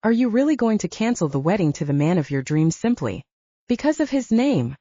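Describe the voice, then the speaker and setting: A woman narrator voicing a calm older sister who coaxes and gently teases. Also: medium pitch, brisk, dry recording, highs cut off. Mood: coaxing. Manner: coaxing, gently teasing. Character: soothing, wry older sister.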